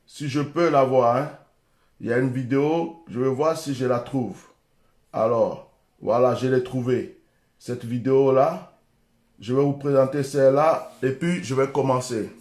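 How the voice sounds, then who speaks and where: A man's voice: mid-range voice, darkish tone, roomy sound. A man with an Ivorian French accent, a preacher giving an urgent, repetitive livestream address. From Côte d'Ivoire. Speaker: preacher hosting a live stream.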